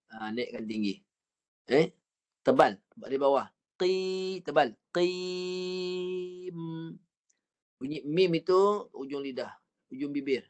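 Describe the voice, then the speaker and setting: A man with a Malaysian Malay accent teaching an online Quran reading lesson, patiently drilling letter sounds and stretching out Arabic words as he demonstrates them. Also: mid-range voice. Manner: slow, patient drilling with counting and model recitation.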